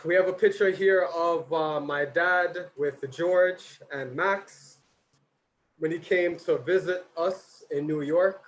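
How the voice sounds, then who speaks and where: The audio is poor as a man with a slightly high voice takes his time reading messages at his father's birthday tribute. His asides are informal and chatty, with small stumbles, and his voice grows tired and a bit hoarse.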